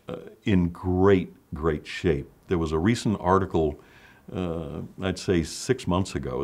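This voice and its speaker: A man speaking as a local official in a promotional interview, upbeat and boosterish. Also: low voice.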